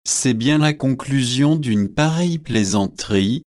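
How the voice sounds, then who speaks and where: A stiff young man who is easily shocked speaks in a storybook, voiced by a man reading aloud. He talks slowly and with measured care. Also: medium pitch, expressive, a little mellow, no room sound, clean studio sound, close to an everyday voice. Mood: indignant. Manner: slow, measured delivery.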